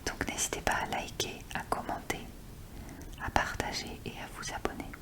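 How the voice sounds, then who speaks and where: A woman doing informal, soft-spoken ASMR show and tell in a breathy whisper, close and intimate as if right in the ear. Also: normal speed. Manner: informal, chatty. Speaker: ASMR video creator.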